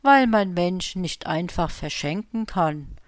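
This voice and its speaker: A woman voicing a kindly, patient old Saint Nicholas in a storybook reading, speaking softly and reassuringly. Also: fairly low pitch, animated, measured pace, no echo. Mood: gently explaining. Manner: soft, reassuring, fatherly.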